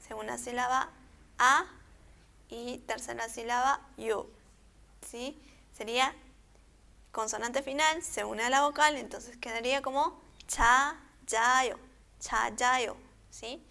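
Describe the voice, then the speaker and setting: A woman teaching a language lesson, reading words syllable by syllable and repeating each one, often checking in with a quick question. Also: on the high side, vocal fry, sharp tone. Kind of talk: slow step-by-step pronunciation lesson.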